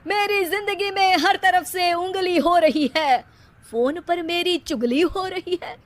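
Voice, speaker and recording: An idle young cartoon husband voiced by a woman, theatrical and fond of comic couplets. The voice is high and the delivery drawn out and declamatory. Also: measured pace, no room sound. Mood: complaining, theatrical. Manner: declaims rhyming couplets dramatically.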